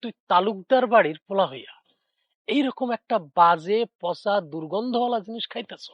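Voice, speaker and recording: An actor playing a meddling village friend who sneers and spreads gossip. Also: male voice, high voice, expressive, normal speed, dry recording, lo-fi sound. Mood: sneering. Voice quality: sneering, insinuating.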